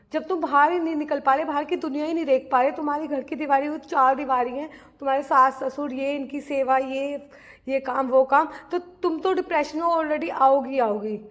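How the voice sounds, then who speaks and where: A young woman from India talking earnestly and casually to her viewers in a study vlog, with many fillers and restarts. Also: high-pitched. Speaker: vlogger studying for a teaching exam.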